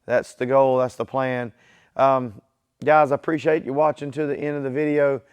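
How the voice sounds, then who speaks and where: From his home garage workshop, a man chats casually with viewers of his own channel, his mid-range voice smooth and level at a moderate pace. Illness has weakened his voice, but the workshop vlog talk stays plain and easygoing.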